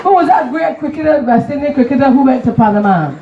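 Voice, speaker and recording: A woman's voice: high-pitched, lively intonation, fast talker, dull audio. A Barbadian woman emceeing a crowd quiz, playful and teasing, laughing often. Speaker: event emcee. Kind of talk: lively crowd quiz hosting. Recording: echoey hall, from far off, crowd noise.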